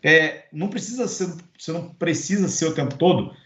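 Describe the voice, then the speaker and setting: A man's voice: fairly high pitch, expressive, a little fast, fairly bright tone. Man, Brazilian Portuguese accent, course instructor, conversational lecture, roomy echo, muffled sound. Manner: conversational, many fillers and checking tags. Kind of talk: online lecture. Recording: roomy, dull recording.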